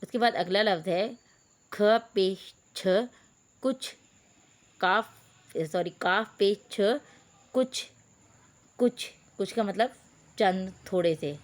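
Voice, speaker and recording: A woman's voice: medium pitch, takes it slowly, long pauses. A woman teacher, patiently spelling out words letter by letter in an online reading lesson for young pupils. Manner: addresses pupils as beta.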